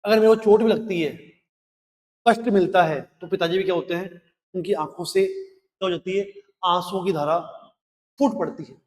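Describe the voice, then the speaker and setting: A high-pitched man explains a poem line by line in a live lesson. He quizzes his listeners with questions he answers himself. His voice carries a long echo. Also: fairly even intonation, normal speed, pauses often, darkish tone. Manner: recites verse lines then explains them with rhetorical questions. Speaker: Hindi teacher.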